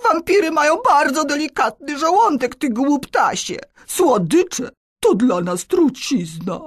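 A woman voicing a theatrical, sulky little male vampire in an audiobook, booming and drawn out. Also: big pitch swings, no room sound, studio quality. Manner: loud, drawn-out, booming delivery.

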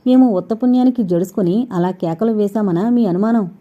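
A woman's voice: mid-range voice, brisk, narrow, tinny audio, lightly acted. A woman voicing a stubborn young woman who has been frightened, speaking defiantly.

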